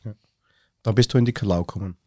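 A man's voice: fairly low pitch, fast, dark tone. A man, the interviewer, prompting his guest with familiar, casual questions.

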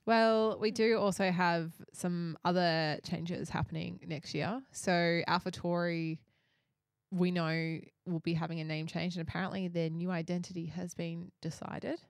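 A woman's voice: on the low side, fairly even intonation, unhurried, gravelly, no echo, studio quality. A woman with an Australian accent co-hosting a casual podcast chat, playful and steering the topics. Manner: playful, laughs at herself, leads topics. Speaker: podcast co-host.

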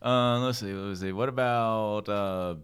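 A man's voice: lowish voice, fairly even intonation, a little slow, fairly bright tone, clean tone. A man co-hosting a podcast in casual, slangy talk with plenty of swearing. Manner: profane, slangy. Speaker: podcast host. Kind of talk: casual chat.

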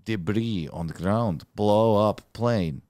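A man voicing a boastful male Russian airline pitchman in a put-on Russian accent, speaking slow, clipped broken English. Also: a little mellow, no room sound.

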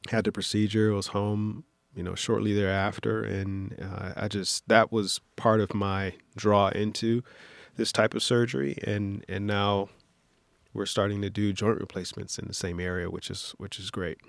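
A man with a low, gravelly voice and a flat, even delivery. He explains things patiently as an interview guest, dotting his sentences with fillers. The sound is dry and close. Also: dry recording. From Detroit, USA. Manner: measured, explanatory, many fillers. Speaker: orthopedic surgeon guest. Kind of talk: interview conversation.

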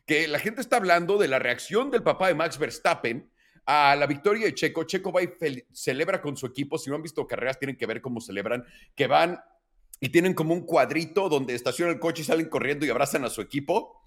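A man's voice: a little high, brisk. A man in his late thirties with a Mexican accent, co-hosting a casual podcast chat and telling stories full of slang and swearing. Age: late 30s. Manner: animated, swearing slangy storyteller. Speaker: podcast co-host.

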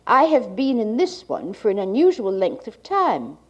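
A woman's voice: on the high side, big pitch swings, moderate pace, slightly rough. A woman voicing a formal, earnest French tax inspector in a literary story reading, on an old worn cassette recording. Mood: formal, wistful.

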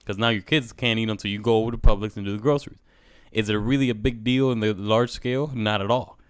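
A man's voice: on the low side, fairly even intonation, fast, clean tone, no echo, clean studio sound. A man talking casually and emphatically at length, peppering his speech with bro. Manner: emphatic, talkative, says "bro" often. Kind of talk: casual conversational talk.

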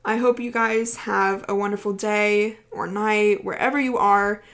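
Woman podcast host, casual chat, quick and rambling, mid-pitched voice. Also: fairly even intonation, fairly bright tone. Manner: fast-talking and rambling, with many fillers.

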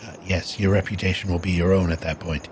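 A man playing a haughty, low-voiced woman mayor. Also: flat delivery, fast, a little hiss or hum, natural voice. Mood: curt. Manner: clipped, dismissive. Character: haughty female town mayor, curt and disdainful.

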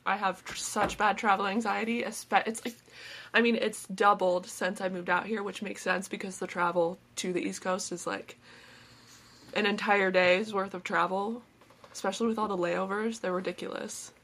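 Young woman, podcast co-host, mid-pitched, casual chatter, jokey. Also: fairly even intonation, normal speed, fairly bright tone. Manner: laughing, joking, chatty. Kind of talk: casual chat.

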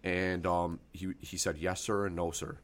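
A man hosting a podcast, telling casual stories in a rapid, rambling way and acting out quotes. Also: deep voice, level tone, a bit bright. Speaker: podcast host. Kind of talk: casual storytelling chat.

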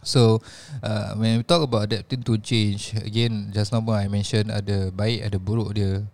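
Male religious teacher, Singaporean accent, lowish voice, informal advice delivered in halting phrases with bits of Malay. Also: little pitch movement, a little mellow, no echo.

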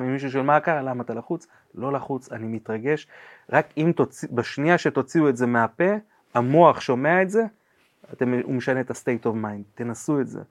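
Man, podcast guest, body language expert, vivid explanations, acted-out examples. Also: medium pitch. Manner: explains vividly, acts out examples with sound effects. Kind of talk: podcast interview chat.

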